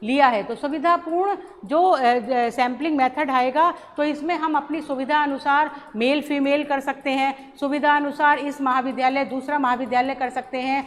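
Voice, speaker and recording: High-voiced woman lecturing in an echoey hall. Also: fairly even intonation. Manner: explains slowly with many pauses and restarts. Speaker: college lecturer. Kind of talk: recorded lecture. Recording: roomy hall echo, faint ambience.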